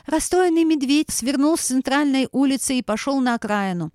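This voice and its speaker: A woman narrating a storybook in an expressive, vivid reading. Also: high-pitched, normal speed, no echo, studio quality.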